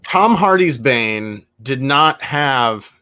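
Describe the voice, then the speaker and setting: A man's voice: medium pitch, lively intonation, extremely slow, pushed and bright, clean tone. A middle-aged man hosting a casual group podcast chat, talking in a rambling way full of fillers. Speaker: podcast host.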